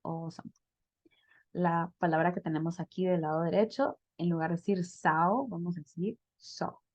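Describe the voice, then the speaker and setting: A woman's voice: fairly low pitch, fairly even intonation, a little fast, darkish tone, no room sound. A woman teaching a pronunciation class over a video call, explaining step by step and checking in with her students. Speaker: English teacher.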